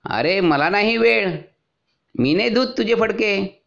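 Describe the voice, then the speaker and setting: A man's voice: high-pitched, expressive, slow, vocal fry, fairly bright tone, dull audio, voice pushed up, exaggerated voice. A man voicing a busy grown washerman in a storybook, protesting in an exasperated way. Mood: annoyed. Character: busy grown male washerman, brushing off then giving in.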